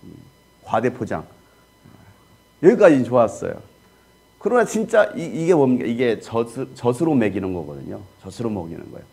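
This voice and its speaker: Husky Korean pastor preaching conversationally. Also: male voice, medium pitch, very animated, a little fast, pauses often, darkish tone. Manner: conversational preaching with rhetorical questions to the congregation. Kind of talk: sermon teaching.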